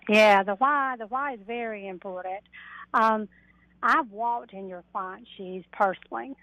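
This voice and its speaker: Phoning into a radio show, a middle-aged woman who works as a mediator and coach explains her work as an interview guest. Her mid-range voice moves at a measured pace over a narrow telephone line, with no echo.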